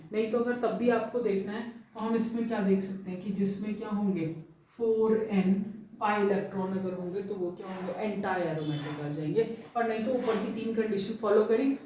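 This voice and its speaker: A woman's voice: medium pitch, dark tone, very echoey, distant mic, slight background noise, low-quality recording. A woman chemistry teacher giving a classroom lecture, explaining step by step and often checking that students follow. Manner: explains step by step, checks understanding with frequent "theek hai". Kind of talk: classroom lecture mixing Hindi and English.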